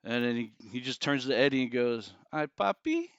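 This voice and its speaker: A man's voice: mid-range voice, little pitch movement, a little fast, clear, resonant tone, no echo. A man co-hosting a podcast, casually narrating an imagined match. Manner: storytelling, acts out wrestler quotes. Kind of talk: casual chat. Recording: slightly dull lo-fi sound.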